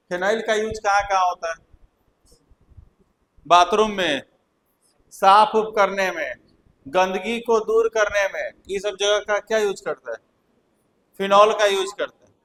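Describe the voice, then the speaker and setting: A male teacher lectures a class in a fairly high voice. He takes his time, drawing out his words. He keeps repeating the key points and throwing questions at the students. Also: a bit bright, low-quality recording.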